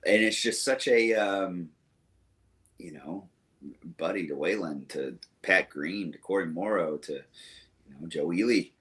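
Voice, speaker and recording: A man's voice: low-pitched, unhurried, fairly bright tone. A young man from the Southern United States, a musician guest chatting in an interview, rambling fondly with many fillers and restarts. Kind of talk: casual interview chat.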